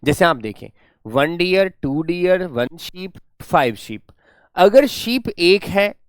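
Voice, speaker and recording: Lively man teaching grammar. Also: on the high side, dry recording, clean studio sound. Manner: lively, coaxing, calls students "my friend" and "my child". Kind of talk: classroom lecture.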